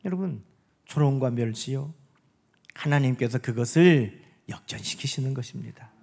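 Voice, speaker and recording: A man preaching a Sunday sermon in a church. He asks the congregation rhetorical questions and slows down to stress phrases from scripture. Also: mid-range voice, gravelly, darkish tone, breathy edge. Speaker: pastor. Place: church sanctuary.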